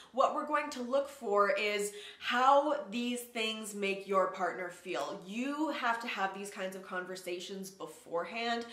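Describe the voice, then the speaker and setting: A woman's voice: fairly high pitch, a bit bright. A woman in her twenties talking frankly and casually as a sex-education vlogger, with lots of "like" fillers. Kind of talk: casual educational vlog talk. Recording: roomy echo.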